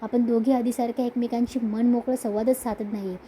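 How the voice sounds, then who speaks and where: A woman voicing a dutiful young wife and elder sister who pleads softly and earnestly. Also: fairly high pitch, steady tone, brisk, slight background noise, natural voice, low-quality recording. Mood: earnest, worried.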